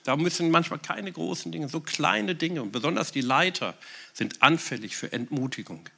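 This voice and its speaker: Bright-voiced man preaching. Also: fairly high pitch, moderate pace, vocal fry. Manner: lively preaching, swings between loud emphatic lines and quiet asides. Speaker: pastor. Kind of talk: sermon.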